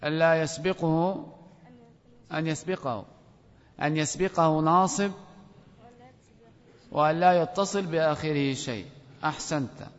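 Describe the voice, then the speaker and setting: Guy teaching a grammar class, high voice, calls students up by name, muffled old recording with hall echo. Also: measured pace, pauses often.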